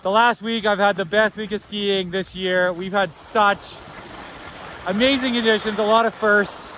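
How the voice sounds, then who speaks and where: A man's voice: high voice, steady tone, measured pace, very noisy. A man in his thirties, a dad vlogging casually to an action camera held at arm's length, partly outdoors on ski slopes and partly in a car, often cheering on his kids. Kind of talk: casual vlog.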